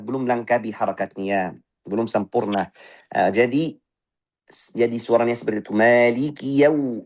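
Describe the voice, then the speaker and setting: A man leads a Quran recitation lesson in a mid-pitched voice. He stretches syllables out slowly to model each sound. Then he plainly and patiently corrects common mistakes. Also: a little mellow.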